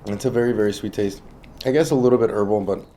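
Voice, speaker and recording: A man's voice: fairly low pitch, fast talker, warm tone. A man giving a casual tasting commentary as a cannabis reviewer, musing in a laid-back stoner manner. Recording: clearly noisy recording with clicks.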